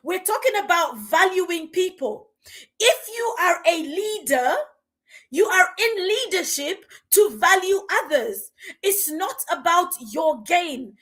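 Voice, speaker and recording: Passionate high-voiced woman in her forties. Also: pushed and bright. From Uganda. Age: 40s. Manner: passionate, indignant, emphatic. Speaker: podcast guest speaker. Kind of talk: impassioned podcast rant.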